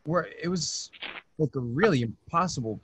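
A man's voice: a little high, lively intonation, normal speed, slight background noise, natural voice. A young man acting Charlie, a restless, defensive young man lost in a strange dream space, in an amateur videoplay recorded over a video call. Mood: wistful. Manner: edgy and defensive, questions loudly.

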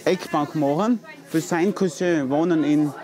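A man's voice: on the high side, moderate pace, crowd noise. Chatty Styrian-accented Austrian man. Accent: Styrian Austrian German. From Austria, near Graz. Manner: chatty, repetitive, exclaims "ein Wahnsinn". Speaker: carpenter. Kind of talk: casual chat, broken simple phrasing to foreigners. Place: streets and underground train in a city.

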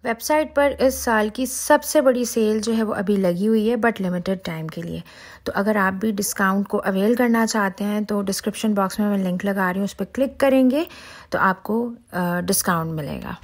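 A chatty woman in her thirties vlogging outdoors on a cruise ship deck. She talks straight to her viewers in a casual, excited way, recorded on a handheld phone. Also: mid-range voice, moderate pace. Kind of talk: casual travel vlog narration.

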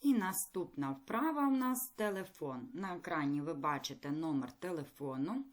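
Patient woman teacher, lowish voice. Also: expressive, normal speed. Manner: clear, patient, encouraging classroom delivery. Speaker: primary school teacher. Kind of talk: recorded video lesson.

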